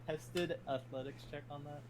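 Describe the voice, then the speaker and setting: A man's voice: on the high side, fairly even intonation, moderate pace, heavy background noise. A man playing a tabletop game, talking casually in a teasing, jokey way. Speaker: player.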